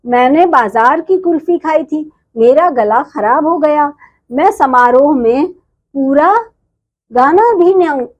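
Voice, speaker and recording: A woman reading as a young schoolgirl who is stubborn at first and sorry later, with a high, childlike voice, slow and pleading. the sound is dull and lo-fi. the teacher plays her in a storybook reading. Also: animated, a little mellow.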